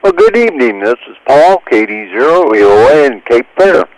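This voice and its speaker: An American man checking in on an amateur radio net, chatting casually in an unhurried, hesitant way. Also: mid-range voice, sing-song, dry recording, rough recording. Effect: heard over amateur two-meter radio. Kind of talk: casual ham radio chat.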